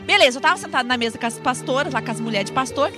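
A woman telling a comic anecdote on a talk show in an animated, chatty way. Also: sits high, very fast, over music. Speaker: guest storyteller.

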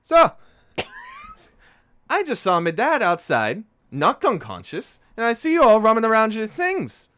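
Man doing a young biker woman, menacing, drawling with a twang, bright. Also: sits high, huge pitch swings, unhurried, voice pushed up, heavily acted.

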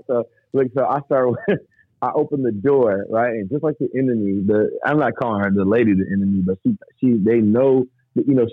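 A man's voice: mid-range voice, no echo. A man, telling his story in casual talk, laughing often and acting out what others said. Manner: animated, laughs often, acts out quotes. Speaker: guest telling his testimony. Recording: dry tinny phone-like sound.

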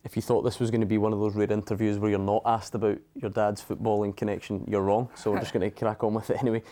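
Quick, mellow male interviewer. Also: lowish voice, level tone. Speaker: podcast host, interviewer. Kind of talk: casual interview.

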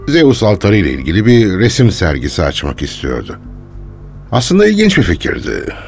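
An actor playing a defensive male archaeologist under police questioning, guarded and quick to take offence, in a radio drama. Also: deep voice, wildly swooping pitch, creaky, a little mellow, soft background music, full character voice. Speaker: suspect being questioned.

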